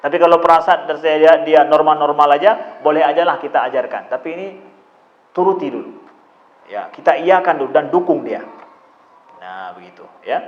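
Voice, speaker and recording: A male preacher with a lilt lectures on parenting in a fairly high voice, circling back over his points and putting questions to his listeners. The sound is roomy and a bit dull, like a lecture recorded across a room. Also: normal speed. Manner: repetitive, conversational, asks the audience rhetorical questions.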